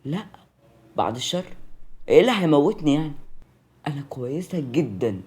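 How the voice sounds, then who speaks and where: A woman's voice: sits low, sing-song, fairly quick, dark tone. Narrator doing a scornful, defiant young woman. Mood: cool. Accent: Egyptian. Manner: scornful and cutting.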